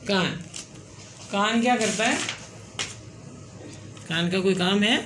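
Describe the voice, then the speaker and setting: A woman's voice: medium pitch, slow pace, background noise. A woman explaining a children's writing lesson step by step, counting letters aloud and checking in often. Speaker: teacher.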